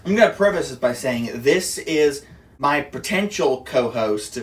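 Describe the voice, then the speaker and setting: A young man hosting a casual podcast, cracking deadpan dark jokes. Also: fairly high pitch, measured pace. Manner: joking, deadpan dark humor. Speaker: podcast host. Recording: echoey room, distant from mic.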